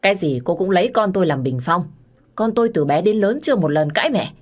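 A woman voicing an angry, sharp-tongued older mother-in-law who scolds and accuses in a storybook reading. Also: lowish voice, animated, brisk, voice pushed up. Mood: furious.

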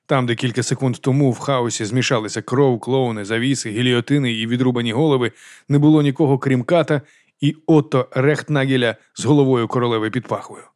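A man narrates a crime novel as an audiobook reader, steady and measured in his telling. His voice sits at an ordinary middle pitch for a man. The recording is dry and close, with no room sound. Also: dry recording. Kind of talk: scripted narration.

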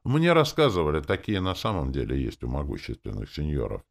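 A man's voice: extremely low pitch, huge pitch swings, a little fast, vocal fry, exaggerated voice. A man voicing an earnest young man who talks with assurance. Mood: confident. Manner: sure of himself.

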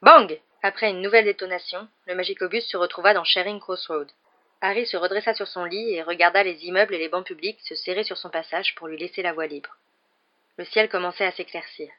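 A woman with a lowish voice narrating a storybook, calm and even. The recording is dull and lo-fi. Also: a little fast. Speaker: audiobook narrator. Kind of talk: scripted narration.

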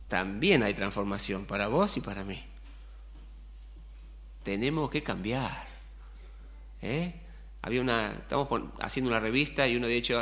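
A man's voice: on the high side, pushed and bright. A middle-aged man with an Argentine accent preaching a sermon as pastor, colloquial and full of rhetorical questions. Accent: Argentine Spanish.

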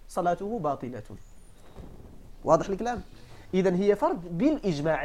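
A man's voice: high voice, darkish tone. A man with a Moroccan accent, a sheikh giving a classroom lesson on religious law who often stops to check that his class understands. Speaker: sheikh teaching Maliki jurisprudence.

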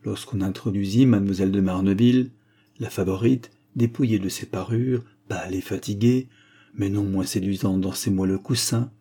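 Mellow husky male audiobook narrator. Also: medium pitch. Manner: measured, expressive storytelling. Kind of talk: scripted narration.

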